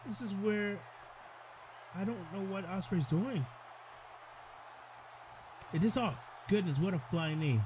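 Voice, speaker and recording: A man giving excitable play-by-play commentary over a wrestling video game, stumbling over his words and calling out to the wrestlers. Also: high-pitched, slow pace, pauses often, slight background noise.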